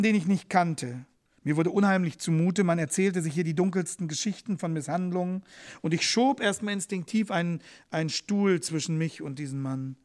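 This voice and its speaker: High-voiced man retelling a memoir. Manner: expressive reading, slowing for quoted hymns.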